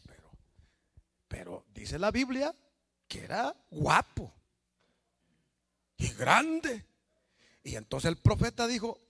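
A man preaching a lively sermon with a gravelly voice, swinging between loud exclamations and hushed storytelling. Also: medium pitch. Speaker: pastor.

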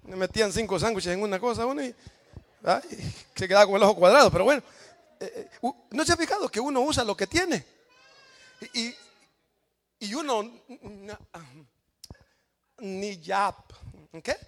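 High-voiced Salvadoran preacher shouting. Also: male voice, lively intonation, moderate pace, pauses often. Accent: Salvadoran Spanish. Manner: shouted, emphatic preaching with call-and-response praise cries. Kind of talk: sermon.

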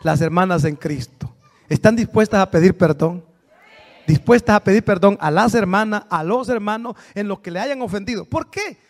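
High-pitched pastor guy preaching in church, goes quiet then loud. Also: moderate pace. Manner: storytelling preacher, swings from soft asides to loud exhortation. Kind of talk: sermon.

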